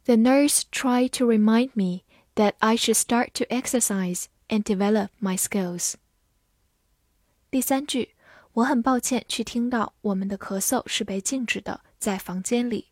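A woman teaching English vocabulary in a scripted lesson. She says each English word twice, clearly, then explains it. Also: a little high, unhurried, darkish tone, no echo, clean studio sound.

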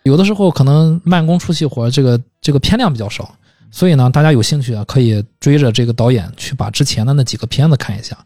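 Fast-talking man hosting a film chat. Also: medium pitch, a little mellow, no echo, clean studio sound. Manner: thoughtful, rambling with hesitations. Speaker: podcast host. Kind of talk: casual film discussion.

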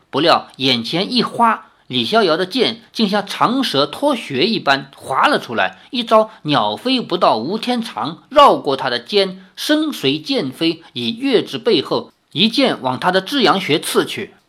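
Brief: male storyteller reading a novel, lively animated delivery. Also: a little high. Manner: expressive, dramatic storytelling. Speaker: reader. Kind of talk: reading a martial arts novel aloud.

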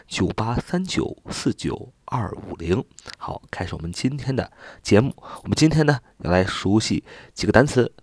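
A man's voice: low-pitched, no room sound. A man teaching English vocabulary in a spoken lesson, repeating each word and spelling it out letter by letter. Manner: spells words letter by letter and repeats them slowly.

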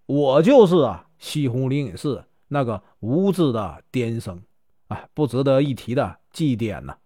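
A man's voice: medium pitch, sing-song, unhurried, dark tone, voice pushed down. A man with a Northeastern Chinese accent voicing a scruffy, joking wandering monk who teases in mock humility. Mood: teasing. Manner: teasing, mock-humble banter.

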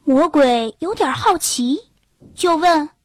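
A woman narrating a children's storybook in an expressive storytelling manner. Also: high voice, takes it slowly, dry recording. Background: faint background music.

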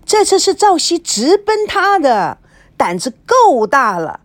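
A woman voicing a loud, nosy middle-aged woman who scolds and bursts out dramatically in a story reading. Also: high voice, sing-song, a little slow, exaggerated voice. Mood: gleeful. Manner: brash and scolding, dramatic outbursts.

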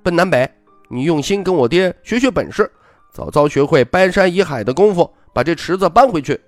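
A man's voice: on the high side, animated, fairly quick, no echo, clean studio sound, soft background music, voice pushed up, lightly acted. A man voicing a naive, bold little girl who talks bluntly and bosses her friend around in a storybook reading. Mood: excited. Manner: chirpy, blunt, playfully bossy.

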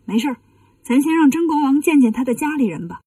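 A woman's voice: high-pitched, lively intonation, fast talker, mellow, no room sound, far from the mic. A woman voicing a clever, cheeky male monkey king in a children's story, teasing and playful.

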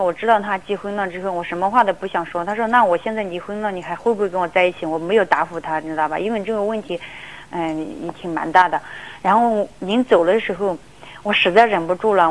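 A woman's voice: mid-range voice, low-quality recording. A woman calling an advice radio show, telling her story in a rambling, emotional way and often repeating herself. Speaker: caller.

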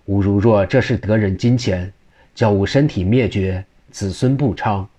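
A man's voice: on the low side, normal speed, dark tone, close to an everyday voice. A man voicing a cunning male secretary to an official, speaking insistently and pleading.

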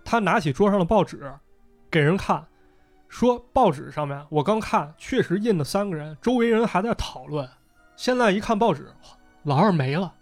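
A man's voice: high voice, lively intonation, moderate pace, faint music behind. A man hosting a podcast, casually retelling a story and voicing the characters' lines as he goes. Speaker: podcast host.

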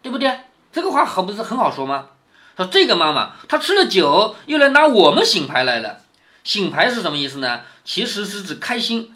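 A bright-toned man, middle-aged, reads a classic novel to his daughter and stops often to explain it. His pitch rises and falls a lot as he asks "right?" and acts out the quoted lines. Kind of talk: explaining story to a child.

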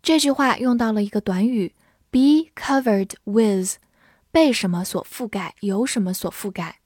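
A woman teaching English vocabulary in a calm, clear way. She spells words out letter by letter and reads example sentences slowly for her listeners to repeat. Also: medium pitch, no room sound, clean studio sound. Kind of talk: vocabulary lesson.

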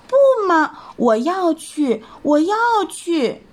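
A woman's voice: very high voice, very animated, takes it slowly, a little mellow, voice pushed up, heavily acted. A woman doing a clingy little bunny child. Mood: whining. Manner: pleading, childlike. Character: small young rabbit child, clingy and whiny.

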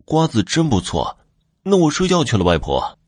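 Man doing a high, eager little-boy voice, quick-witted and brave, storybook reading. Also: sing-song, husky, dry recording, heavily acted. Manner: eager, urgent calls. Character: clever brave little boy, youngest son.

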